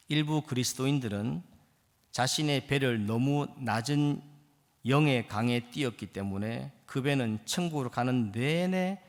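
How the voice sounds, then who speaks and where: Fervent gravelly pastor in his fifties. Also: medium pitch. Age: 50s. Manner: impassioned preaching, rising to fervent exhortation. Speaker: guest pastor. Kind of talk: sermon. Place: church sanctuary. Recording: long church hall reverb.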